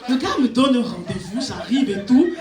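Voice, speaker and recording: A woman performs stand-up comedy, telling a story in an animated way and jumping to shrill peaks. Her voice rings around a reverberant club. A steady wash of crowd noise sits behind her. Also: moderate pace. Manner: animated storytelling, shrieking at punchlines. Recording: echoey club with audience noise. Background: audience laughter.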